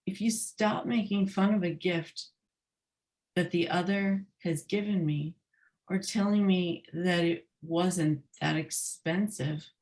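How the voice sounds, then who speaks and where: A woman reading the letter of a young girl to her parents from a children's book, gently. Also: lowish voice, fairly even intonation, slow. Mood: soft. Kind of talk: read-aloud children's book.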